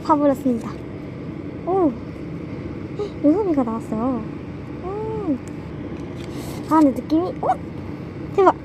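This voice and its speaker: A young woman vlogging an unboxing, excitable and quick to gasp and squeal with delight. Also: high voice, background noise. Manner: excitable, gasping and squealing over merch. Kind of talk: casual unboxing vlog.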